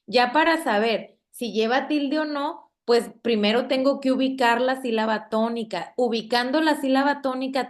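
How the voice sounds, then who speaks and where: With a fairly high voice and a Mexican Spanish accent, a teacher gives a lesson on spelling and stress in a classroom with a projector screen. She goes slowly and patiently, constantly asking "¿ok?" to check in after almost every sentence.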